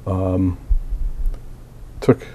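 A miniature hobbyist recovering from a cold gives a casual tutorial, coughing now and then as he plainly and methodically walks through a build, full of fillers. His voice is low, dark, level and very slow; the audio is dull with a little hiss or hum.

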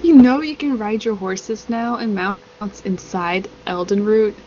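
A woman playing healer in an online game, chatting casually and thinking out loud. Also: mid-range voice, a little slow, highs cut off, a little hiss or hum. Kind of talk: casual gaming chat.

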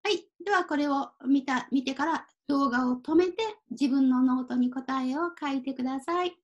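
A woman teaching a Japanese kanji reading lesson, speaking slowly and carefully, mixing in simple English explanations. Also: sits high, muffled recording. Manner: apologizes and laughs at her own typo.

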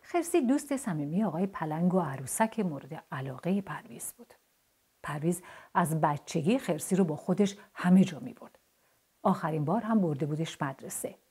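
A woman reads a children's bedtime story in a soft, hushed, gentle manner. Her voice sits low and mellow, with a breathy quality.

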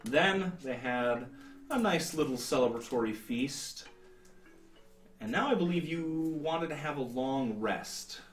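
A man's voice: fairly high pitch, animated, takes it slowly, soft background music. A man in his thirties narrating a tabletop role-playing game as game master, explaining things somewhat hesitantly. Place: indoor room, seated at a table. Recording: roomy sound, distant mic.

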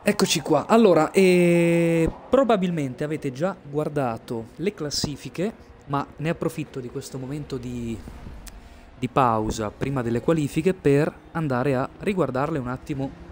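Man, medium pitch, casual esports racing commentary, hesitant repetitive phrasing, clear game engine noise. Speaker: esports race commentator and streamer.

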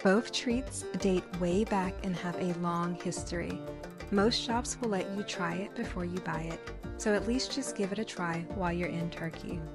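A woman's voice: fairly low pitch, normal speed, over music. A woman narrating a travel vlog voice-over in a chatty, informal way. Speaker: travel vlogger.

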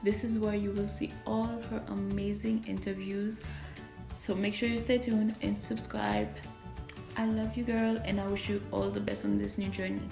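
A woman's voice: medium pitch, flat delivery, moderate pace, vocal fry, echoey room, over music. A young woman cheerfully announcing a friend's new channel to camera. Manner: upbeat and promotional. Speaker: friend giving a shout-out.

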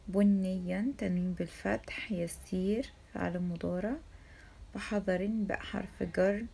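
A woman's voice: fairly low pitch, vocal fry, darkish tone, a little hiss or hum. A woman with an Egyptian accent teaching an Arabic lesson to young pupils, asking questions and leaving sentences open for them to finish. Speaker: primary school Arabic teacher. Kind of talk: recorded classroom lesson.

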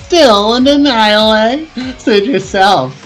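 A woman's voice: a little high, slow pace, soft background music. A woman voicing a gleeful villainous bear headmaster from a video game, theatrical and full of sarcastic mock politeness. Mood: gleeful taunting. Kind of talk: video game character dub in a let's play.

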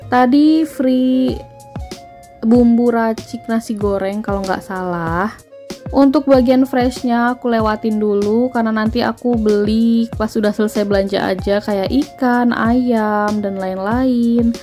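Woman, grocery vlog voice-over, chatty, dark tone, faint music behind. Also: on the high side, unhurried. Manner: chatty, matter-of-fact, listing prices. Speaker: vlogger. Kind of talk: grocery haul voice-over narration.

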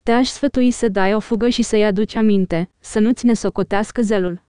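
A wise old wizard scolds and warns with force, read by a woman. The voice stays smooth and mellow, fairly high, with a dry close sound. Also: dry recording, natural voice. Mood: stern.

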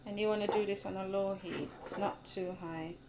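Talking at a normal pace with fairly even intonation and a mid-range voice, a cooking channel host walks viewers through a home recipe at her gas stove. She's chatty, calls her audience "guys," and repeats her steps. Dull, lo-fi phone audio with background noise.

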